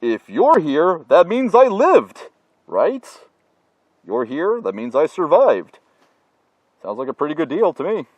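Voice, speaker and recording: A man voicing a naive young masked slasher who talks in a low, gloomy, puzzled drawl in a comedy parody sketch. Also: huge pitch swings, unhurried, no room sound, highs cut off, heavily acted. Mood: hopeful.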